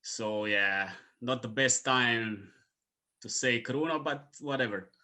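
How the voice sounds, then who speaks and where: Non-native English speaker from Croatia, casual podcast guest; bright, forceful tone with a mid pitch, relaxed and filler-heavy. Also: male voice, takes it slowly. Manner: relaxed, many fillers, trailing off quietly. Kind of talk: casual interview chat.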